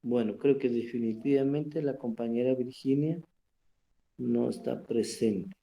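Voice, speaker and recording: Slow-speaking man teaching a class. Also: mid-range voice, fairly even intonation, vocal fry, dark tone. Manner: slow, explanatory, asks "verdad?" often. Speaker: language teacher. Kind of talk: online class lesson.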